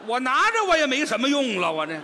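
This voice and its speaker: A man as the straight man in live crosstalk comedy on a theater stage, firing quick retorts and arguing back. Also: very high-pitched, huge pitch swings, pushed and bright, a little hiss or hum. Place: theater stage before a large audience. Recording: reverberant theater hall.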